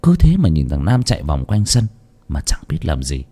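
A man's voice: rumbling low, moderate pace, husky. A man narrating a ghost story dramatically as storyteller. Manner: dramatic, animated.

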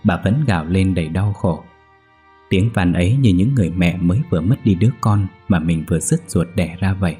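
A man narrating a ghost story in a steady, measured way. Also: low voice, slightly rough, soft background music.

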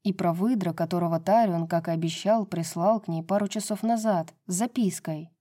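A woman narrating a romance novel as an audiobook, in an even reading voice. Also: lowish voice, brisk.

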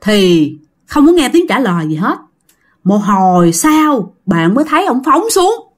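A woman's voice: sits high, sing-song, moderate pace. A woman telling a ghost story in a chatty way, often speaking straight to her listeners. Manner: chatty, addresses listeners directly.

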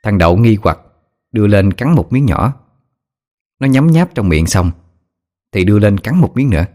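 A man with a Southern Vietnamese accent narrating a children's story in a lively way. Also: lowish voice, moderate pace. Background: soft background music.

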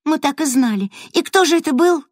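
Storybook girl, high and questioning, a woman narrator puts her on, lively. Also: a little fast, dry recording, clean studio sound. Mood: worried. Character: tired curious young girl.

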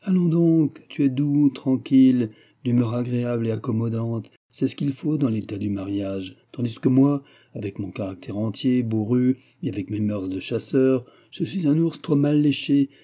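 A man reading the part of a gruff, blunt middle-aged hunter who argues insistently with his brother. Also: mid-range voice, normal speed, hardly any pauses, dark tone, natural voice. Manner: insistent, bluff.

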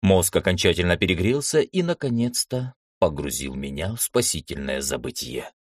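A man narrating a first-person audiobook in an expressive storytelling manner. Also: deep voice, moderate pace, no echo, clean studio sound.

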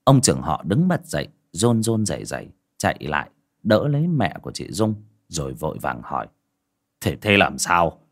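A man narrating an audio ghost story in a dramatic, expressive reading. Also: deep voice, brisk.

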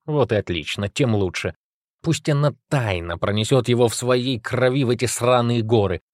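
A man's voice: mid-range voice, darkish tone, no echo, studio quality. A man reading an audiobook in sardonic first-person narration that swings into agitated outbursts. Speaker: audiobook reader. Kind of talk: scripted narration.

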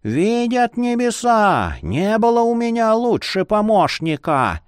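A man voicing a jovial, wheedling old male librarian with a creaky, cackling voice. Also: sits high, sing-song, slow pace, no room sound, studio quality, voice pushed up, heavily acted.

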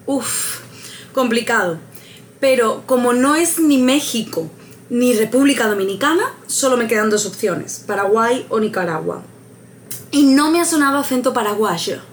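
A woman's voice: on the high side, lively intonation, moderate pace, slight background noise. A woman vlogger thinking aloud as she takes a quiz, hesitant and musing, laughing at her own luck.

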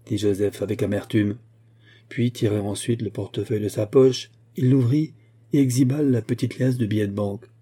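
A male narrator reading a classic novel at a measured, steady pace. His voice is low and very dark. It has a noticeably husky texture. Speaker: audiobook narrator. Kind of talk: scripted literary narration.

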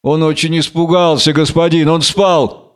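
A man's voice: fairly high pitch, fairly even intonation, moderate pace, clean tone, natural voice. Man doing a fawning jailer. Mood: fussing. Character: fawning old male jailer.

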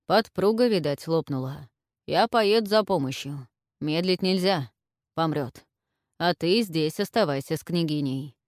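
A woman voicing a decisive male retainer who gives brisk, commanding orders in a storybook reading. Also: low voice, darkish tone, no echo, studio quality.

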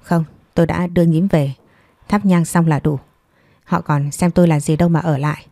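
A woman voicing a composed, divorced young mother who speaks calmly and firmly, weighing each word. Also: low-pitched, vocal fry, no room sound, clean studio sound. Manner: calm, measured, clipped.

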